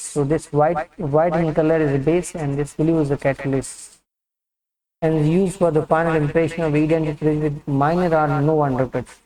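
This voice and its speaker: Male instructor, methodical teaching narration, slightly high pitch, distant mic in a roomy space. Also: warm tone. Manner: methodical step-by-step explaining. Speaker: dental instructor.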